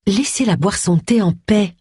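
A reader voicing Mrs Bugsby, a polite, motherly woman who gently pleads and protects. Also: mid-range voice, normal speed, breathy edge, no echo, studio quality, voice pushed up.

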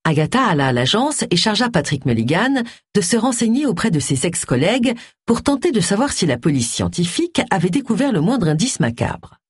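A woman narrating an audiobook in an expressive, varied reading style. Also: mid-range voice, fairly quick, breathy edge, no room sound, clean studio sound.

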